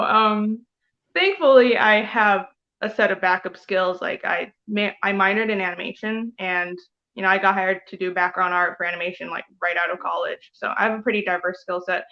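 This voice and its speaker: A woman's voice: medium pitch, fairly bright tone. Chatty woman from Taiwan, lo-fi call. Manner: chatty and rambling, heavy use of "like" and "you know". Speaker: guest comic artist. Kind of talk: casual interview chat.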